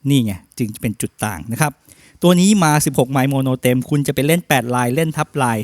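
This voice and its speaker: A middle-aged man selling audio equipment, pitching and demonstrating a mixer in a blunt, opinionated, persuasive way. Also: lively intonation, quick pace, no room sound. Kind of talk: sales pitch and product demo.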